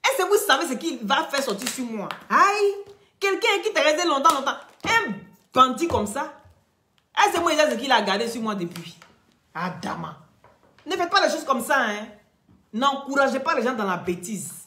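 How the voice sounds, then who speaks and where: A woman's voice: high voice, sing-song, normal speed, sharp tone, echoey room, a little hiss or hum. A woman hosting a live video, speaking straight to her followers in an emphatic, lecturing way. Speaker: social media live-stream host.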